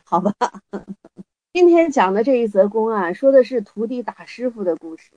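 A woman leading a Buddhist study group through a Zen koan. She reads the classical text slowly, then explains it in a lively, teasing way with many rhetorical questions. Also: a little high, no echo.

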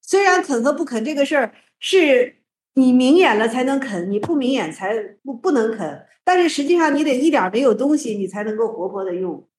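A woman giving a casual talk on Zen teaching, telling old stories in a lively way. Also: sits high, fairly quick, echoey room. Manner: storytelling, lively, with restarts.

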